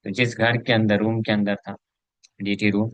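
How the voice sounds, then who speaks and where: Low-voiced man telling scripture stories. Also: level tone, moderate pace, fairly bright tone, no room sound. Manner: vivid storytelling with recited verses and acted quotes. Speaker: preacher. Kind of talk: scripture story sermon.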